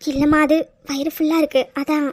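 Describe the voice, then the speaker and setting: A woman's voice: high-pitched, level tone, fairly quick, darkish tone, no echo, close to an everyday voice. A woman voicing a playful, slightly whiny young wife in a cartoon. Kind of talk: cartoon voice acting.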